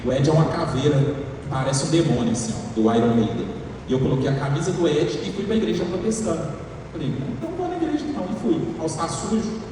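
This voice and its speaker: A man in his thirties, a worship leader and singing teacher, gives an animated church talk to a live audience and acts out the lines he quotes. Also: on the high side, fast. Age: 30s. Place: large church hall. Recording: echoey hall, distant mic, noise.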